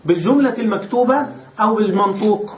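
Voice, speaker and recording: High-voiced man teaching grammar in a roomy space. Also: quick pace, a little hiss or hum. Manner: explains step by step, often checks the students understand. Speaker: sheikh teaching Arabic grammar. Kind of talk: classroom lesson. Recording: roomy, dull lo-fi lecture recording.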